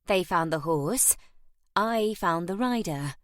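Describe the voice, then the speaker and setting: A woman voicing a kind young woman who cares for orphaned children, speaking gently and soothingly. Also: on the low side, animated, slow pace, no echo, studio quality. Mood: warm.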